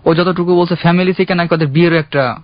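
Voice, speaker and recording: A young man calling in to a radio show, earnestly recounting his own love story in a halting, heartfelt way. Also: on the high side, steady tone, dry recording. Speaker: caller. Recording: dull, dry radio studio sound.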